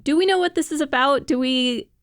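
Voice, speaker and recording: A woman's voice: high-pitched, brisk, fairly bright tone, dry recording, clean studio sound. A woman co-hosting a casual podcast discussion, explaining things in detail and laughing often as she talks. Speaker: podcast co-host.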